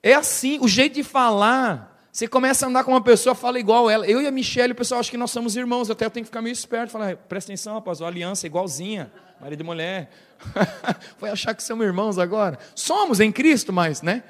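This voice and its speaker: A middle-aged man with a Brazilian accent, a pastor preaching a sermon in a church, animated and playful, acting out quoted voices. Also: very high voice, fast, hardly any pauses. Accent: Brazilian Portuguese.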